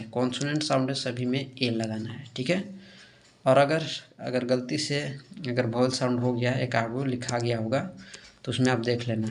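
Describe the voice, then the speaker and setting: A man's voice: mid-range voice, gravelly, a little hiss or hum. Man teaching grammar step by step. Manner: explains step by step with frequent "theek hai" check-ins; asks questions and answers them himself. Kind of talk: classroom grammar lesson.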